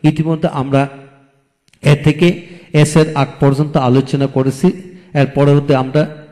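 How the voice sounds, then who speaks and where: A man teaching English pronunciation in a video lesson, saying each word slowly twice and spelling it out. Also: fairly high pitch, little pitch movement, dark tone. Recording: long hall reverb.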